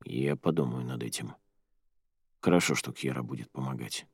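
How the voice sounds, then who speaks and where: A man reading the part of a calm, cautious young male friend in an audiobook. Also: extremely low pitch, normal speed, breathy edge, no echo, clean studio sound, pitched below the performer's own voice, heavily acted.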